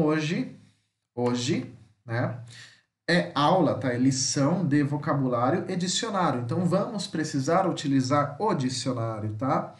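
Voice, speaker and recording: Brazilian man teaching, echoey room. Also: a little high. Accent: Brazilian Portuguese. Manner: slow drawn-out model pronunciations between chatty explanations; keeps checking in with "tá?". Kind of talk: online language lesson.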